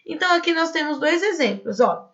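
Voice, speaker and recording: Brazilian teacher, higher voice, lo-fi sound. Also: female voice, expressive, fairly quick, fairly bright tone. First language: Portuguese. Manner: explains patiently, often checks with "né?" and "tá?". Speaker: Spanish teacher. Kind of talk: recorded online class.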